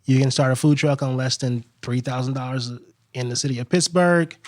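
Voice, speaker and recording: A man from Texas, a restaurant co-owner, talking in a relaxed, earnest way on a podcast and repeating himself as he goes. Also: medium pitch, a little fast, dry recording, clean studio sound. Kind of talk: casual podcast chat.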